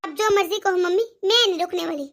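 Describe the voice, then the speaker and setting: A woman voicing a petulant, meddling young married daughter in an animated cartoon, scolding and dramatic. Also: very high voice, quick pace. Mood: indignant.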